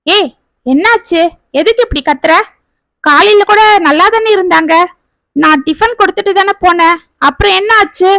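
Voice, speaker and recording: A woman voicing an exasperated young husband who fires off quick, irritated questions in a storybook tale. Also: very high-pitched, creaky, a bit bright, no room sound, pitched above the performer's own voice, full character voice.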